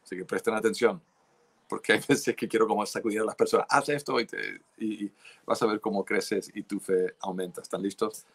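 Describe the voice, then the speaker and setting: A man teaching in a sermon, his voice low and grounded. He urges the listeners with steady earnestness. He often repeats a word before finding the rest of the thought. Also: fairly quick, husky. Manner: earnest, exhorting, frequent restarts. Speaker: pastor.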